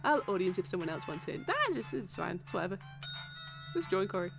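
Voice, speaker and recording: A young woman streaming live, chatting casually and excitably while she plays a trivia game, giggling and swearing often. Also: lowish voice, fast, vocal fry. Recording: game music playing behind.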